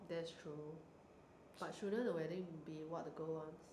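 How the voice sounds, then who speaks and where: A woman's voice: low-pitched, steady tone, unhurried, a little mellow. Young woman, Singaporean accent, exclamatory casual Singlish with bits of Mandarin. Roomy sound, faint noise. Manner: colloquial Singlish with particles and Mandarin words; blunt, exclamatory. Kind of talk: casual chat. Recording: roomy echo, light background noise.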